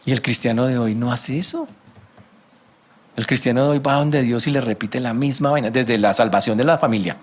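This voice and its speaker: A man preaching a sermon as a pastor, animated, asking rhetorical questions and acting out everyday conversations. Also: normal speed. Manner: rhetorical questions, rising to emphatic pitch.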